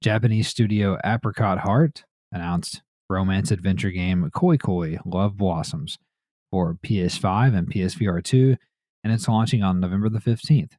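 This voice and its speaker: A man's voice: low voice, normal speed, a little mellow, dry recording, clean studio sound. A man hosting a gaming news podcast, reading headlines and chatting casually in a laid-back way. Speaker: podcast host.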